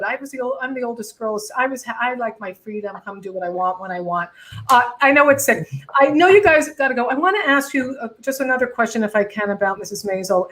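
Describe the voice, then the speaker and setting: A woman hosting a casual chat with comedian friends, telling dark jokes. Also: on the high side, poor audio. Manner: dark-humored, joking. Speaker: host.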